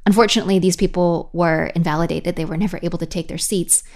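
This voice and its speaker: Low-voiced woman explaining the news. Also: fairly even intonation, darkish tone. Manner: measured, explanatory, occasional restarts. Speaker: correspondent guest. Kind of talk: explanatory news podcast talk.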